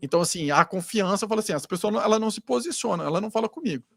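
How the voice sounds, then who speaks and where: Fast-talking Brazilian man with a gravelly voice. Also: high-pitched, expressive, a bit bright, no room sound. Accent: Brazilian Portuguese. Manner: rambling, acts out quoted dialogue. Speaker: spiritual group speaker. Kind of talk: casual spiritual talk.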